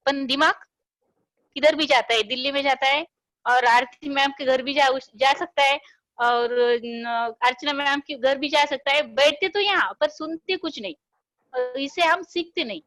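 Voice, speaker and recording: A woman's voice: high-pitched, unhurried, pushed and bright, no echo. A woman from Maharashtra with a Marathi accent, giving a hesitant motivational talk with a story at a business meeting over a video call, with many fillers and restarts. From Maharashtra, India.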